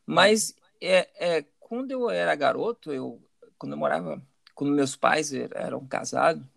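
A man's voice: on the high side, moderate pace, vocal fry, a bit bright, dry recording. A middle-aged man from Salvador, telling stories as an interview guest, hesitant and full of repeated words. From Salvador, Bahia, Brazil. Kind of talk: casual conversational interview.

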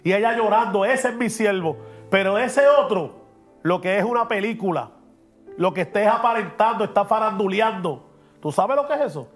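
Pastor for a preaching podcast, high voice, emphatic, faint music underneath. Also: male voice, lively intonation, normal speed. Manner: emphatic and preachy, drops English words in. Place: podcast studio.

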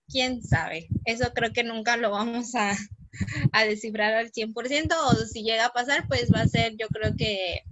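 A Mexican woman giving a talk, pausing often with fillers. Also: medium pitch, fairly bright tone, dry recording, rough recording. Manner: hesitant, many fillers. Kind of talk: presentation.

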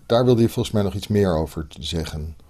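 Male interviewer, warm dark voice, curious, brief questions. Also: low-pitched, a little fast. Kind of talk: conversational interview.

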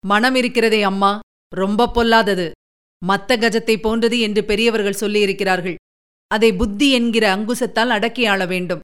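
A woman voicing a calm, patient emperor speaking gently to his daughter. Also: mid-range voice, moderate pace, clean tone, close to an everyday voice. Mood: gentle. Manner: gentle, soothing, reasoning.

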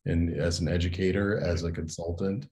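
Man, very low voice, earnest, reflective, educator guest on an interview show. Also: steady tone, normal speed, mellow. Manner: earnest and reflective, often adds "right?". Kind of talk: interview conversation.

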